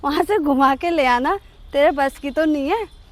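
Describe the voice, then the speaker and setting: A woman's voice: high-pitched, moderate pace, dry recording, lightly acted. A woman voicing her older father-in-law, mocking her driving with a laugh in his words.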